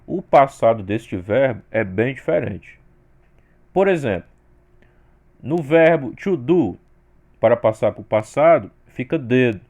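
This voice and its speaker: Lively Brazilian man teaching English grammar. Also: mid-range voice, unhurried, long pauses, highs cut off. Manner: explains step by step, says sample words louder. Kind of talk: grammar lesson.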